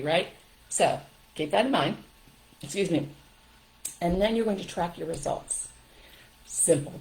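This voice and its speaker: An older woman giving parenting advice in a direct, lively way, often checking in with "okay?" and "right?". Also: fairly low pitch, rough recording. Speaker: parenting coach.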